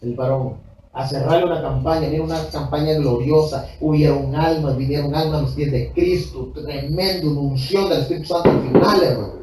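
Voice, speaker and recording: A male pastor preaches in a high, emphatic voice, hammering his points home through repetition and direct questions to the congregation. He slips into personal anecdotes told conversationally from the pulpit. The recording is echoey and picked up from far off in a church hall. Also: steady tone, fairly quick, noisy background. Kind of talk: preached sermon.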